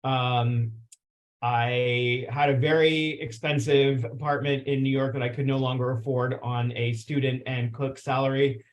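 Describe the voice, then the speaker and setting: Guy in his 40s from texas, a chef, talking about his path into food, earnest and a bit halting, mid-pitched. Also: flat delivery. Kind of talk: casual personal introduction.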